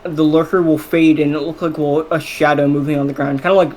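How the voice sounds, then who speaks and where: A man's voice: on the high side, little pitch movement, a little fast, a little mellow, a little hiss or hum. A man narrating as game master, hesitant and full of fillers.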